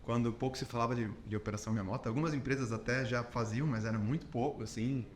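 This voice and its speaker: A man's voice: mid-range voice, fairly even intonation, fast talker, slight background noise. A Brazilian man hosting a podcast interview who lays out his views and checks in with his guest as he goes. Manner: explanatory, ends points with "entendeu?". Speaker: podcast host.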